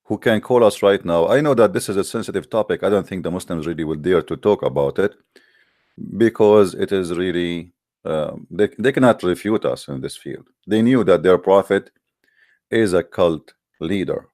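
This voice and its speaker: The speaker, a Middle Eastern man and native Arabic speaker with an Arabic-accented English, hosts a religious call-in debate in short phrases, sounding emphatic, boastful and combative. His voice sits low at a moderate pace, a little mellow, recorded at studio quality with no room sound.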